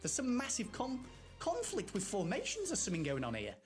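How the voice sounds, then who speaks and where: A man's voice: high-pitched, huge pitch swings, fairly quick, over music. A young man raging and complaining in exasperation as he commentates on his football video game. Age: young adult. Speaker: gaming video host. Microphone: close desk microphone.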